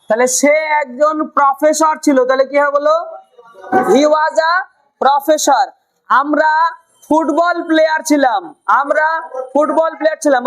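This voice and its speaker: A woman with a high voice runs a spoken English lesson. She asks the same question again and again and slows down on the key phrases for her learners to repeat. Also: low-quality recording. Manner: drills learners with repeated questions and slow prompts. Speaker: English teacher.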